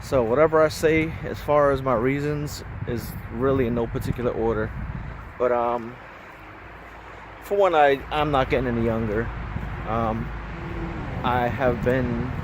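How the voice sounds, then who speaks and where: A man's voice: medium pitch, measured pace, pauses often. A man in his thirties talking casually for his vlog while walking, a bit out of breath, rambling with small laughs. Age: 30s. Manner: rambling, chatty, laughs between thoughts. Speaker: vlogger. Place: outdoors on a busy street, walking. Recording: outdoor recording with loud traffic and wind noise.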